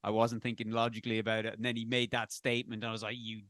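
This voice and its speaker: A man's voice: lowish voice, flat delivery, very fast, a bit bright, no echo, clean studio sound. A man on a racing review panel, talking casually in a rambling, self-correcting way and speaking bluntly with some swearing. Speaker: panel pundit. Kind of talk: casual race review chat.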